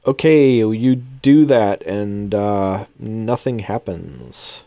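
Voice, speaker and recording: A man's voice: fairly low pitch, animated, extremely slow, dark tone, no room sound, highs cut off. A man narrating a tabletop game casually as game master.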